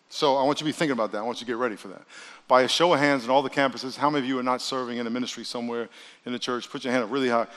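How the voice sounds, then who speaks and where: A man's voice: mid-range voice, fairly bright tone. Male pastor for a motivational sermon: folksy, direct, calls for audience response, big reverberant hall sound. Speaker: pastor preaching to a congregation. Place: large church auditorium with long reverb.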